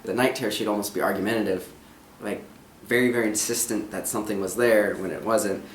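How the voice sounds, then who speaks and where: A young man tells home stories in an easygoing way, acting out lines as he goes. His voice sits fairly low. The recording is roomy, with a faint hum in the background. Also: steady tone, fast talker. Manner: easygoing, acts out quotes. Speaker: husband and co-host. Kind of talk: casual storytelling chat.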